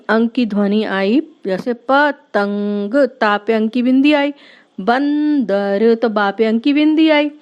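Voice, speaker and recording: A woman teacher giving a grammar lesson to young children, drawing out each sound and explaining patiently. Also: fairly high pitch. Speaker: school teacher. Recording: muffled lo-fi recording.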